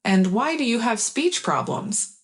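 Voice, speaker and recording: A woman's voice: fairly high pitch, very animated, unhurried. A woman reading the lines of a young man speaking to his sister in a storybook narration, delivered plainly and evenly. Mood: earnest.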